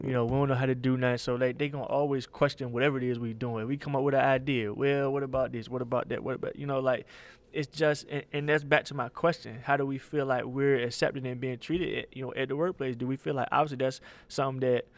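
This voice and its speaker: Thirties male host, gravelly, laid-back conversational delivery. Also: medium pitch, fast talker. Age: 30s. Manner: relaxed, repeats "you know what I'm saying". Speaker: podcast host. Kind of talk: casual chat.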